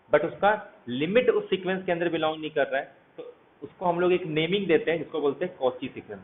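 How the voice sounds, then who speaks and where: A man teaching a math lecture, walking through each step and asking his students questions as he goes. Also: on the high side. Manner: walks through steps, asks students questions. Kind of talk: explanatory lecture. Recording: tinny phone-like audio, faint hiss.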